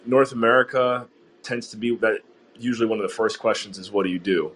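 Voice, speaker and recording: Low-voiced man hosting a casual chat. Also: level tone, fairly quick, fairly bright tone, slight background noise. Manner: rambling, friendly, many fillers and restarts. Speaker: podcast host.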